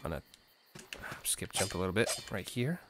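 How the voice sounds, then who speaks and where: A man's voice: low-pitched, animated, fairly quick, heavy background noise. A man streaming a game live, chatting with viewers between wry reactions to the gameplay. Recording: game music playing behind the voice. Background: game music.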